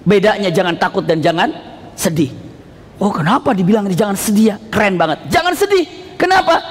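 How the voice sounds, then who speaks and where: A male preacher, giving a lively sermon that keeps asking the audience questions. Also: high voice, a little fast. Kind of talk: Islamic sermon. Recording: long hall reverb.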